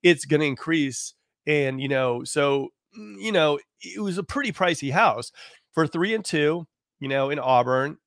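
A hoarse man, a real estate agent, talking casually on a live stream in a rambling way full of fillers. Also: a little high, animated, unhurried, a bit bright, no room sound, studio quality. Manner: rambling, full of "you know" and "like".

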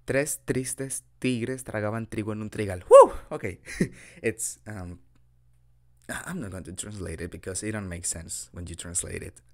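Playing a boyfriend teaching Spanish, a young native speaker from Mexico with a Mexican accent talks in a lowish, darkish voice at a moderate pace. The improvised roleplay is dorky and hesitant, full of giggles and self-deprecation.

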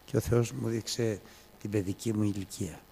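A man preaching a sermon, telling a story with swings from soft to loud. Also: fairly low pitch, fairly even intonation, gravelly, a little hiss or hum.

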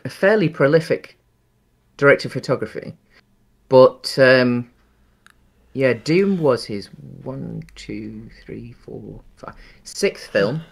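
A man in his thirties with a medium-pitched voice that's creaky with a breathy edge talks slowly, with lively intonation. Co-hosting a podcast over a video call on a headset from a small room at home, he casually discusses a film, hesitating with many ums and restarts.

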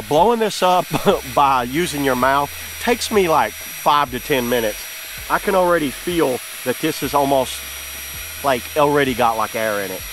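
A man's voice: on the high side, fairly bright tone, a little hiss or hum. A man filming his own hands-on gear demo outdoors on grass, chatty and enthusiastic, full of "like" fillers. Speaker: product reviewer. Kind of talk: casual hands-on product demo.

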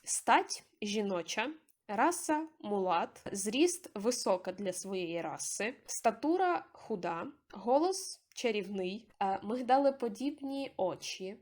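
A young woman talking casually over her drawing process, chatty and self-deprecating, her pitch jumping up now and then. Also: big pitch swings, slow, a little mellow. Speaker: artist vlogger.

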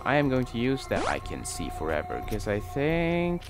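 A man's voice: medium pitch, huge pitch swings, normal speed. A young man giving casual, self-mocking let's play commentary, swearing now and then at the game. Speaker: gaming channel host. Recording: game music loud behind the voice. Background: game music.

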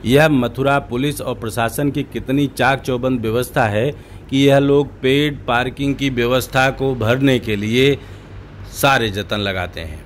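A man's voice: medium pitch, measured pace, a little hiss or hum. A man giving critical news commentary in a sarcastic, indignant manner.

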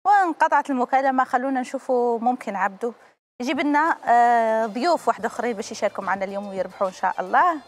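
A woman in her thirties with an Algerian Arabic accent, hosting a live call-in TV game show in a chatty, affectionate way from a studio on a lapel mic. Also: on the high side. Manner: chatty, affectionate toward callers.

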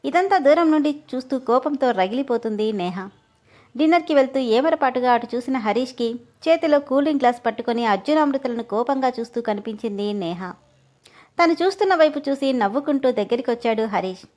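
A woman with a fairly high voice narrates a romantic family story at an even, unhurried pace. Her narration is steady and plain, carrying the reader from scene to scene. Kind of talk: reading a romance story aloud.

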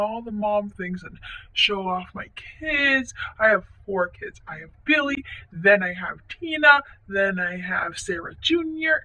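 Bright-voiced rambling woman vlogger. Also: medium pitch, low-quality recording. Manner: rambling, scatterbrained, melodramatic outbursts. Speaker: parody mom vlogger. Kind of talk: comedic vlog sketch.

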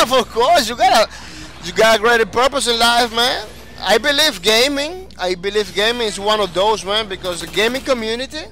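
A man from the Dominican Republic, speaking with a Spanish accent, streams a game and energetically chats with his audience while reading their comments. He restarts phrases often, and his high-sitting voice is bright and forceful.

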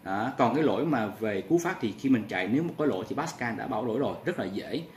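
A man's voice: mid-range voice, expressive, fast, a little mellow. A man teaching programming step by step in a screen-recorded tutorial, repeating each key press and often turning to address his viewers. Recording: echoey room with faint ambient noise.

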